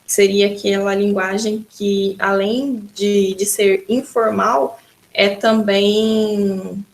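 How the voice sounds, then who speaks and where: In a slow, flat, medium-pitched voice, a woman teacher with a Brazilian accent works patiently through a recorded school lesson. Many of her sentences open with "então."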